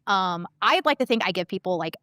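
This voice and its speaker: A woman's voice: medium pitch, lively intonation, fairly quick, bright, forceful tone, no room sound, studio quality. A young adult woman on a dating panel, talking reflectively and hesitantly with many fillers. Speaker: panel guest. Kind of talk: casual panel discussion.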